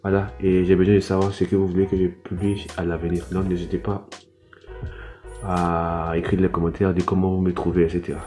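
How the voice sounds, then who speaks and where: A man's voice: sits low, flat delivery, a little fast, mellow, soft background music. A young French man reviewing anime casually, hesitant, with frequent fillers and restarts. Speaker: anime YouTuber.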